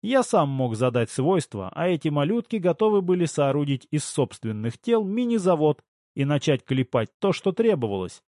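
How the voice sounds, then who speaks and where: A man reading a first-person novel aloud in a steady, even storytelling voice. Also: fairly high pitch, normal speed, dry recording, studio quality. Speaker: audiobook narrator. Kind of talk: scripted first-person audiobook narration.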